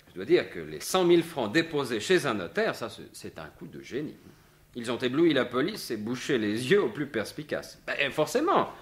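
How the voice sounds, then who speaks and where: An actor voices a suave gentleman thief who mocks those around him in a French radio mystery styled after the 1950s. His delivery is sardonic, self-assured and theatrical, at a medium pitch.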